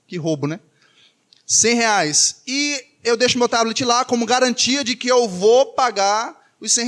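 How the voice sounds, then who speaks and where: High-voiced Brazilian man preaching a sermon. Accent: Brazilian Portuguese. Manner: emphatic, repeats key phrases, asks rhetorical questions.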